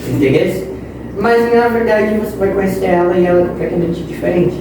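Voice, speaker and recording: A young man appears as a guest in a casual interview, explaining things through examples and quoted phrases. His voice sits high and moves a little fast. The recording is noisy, with an echoey room and a distant mic.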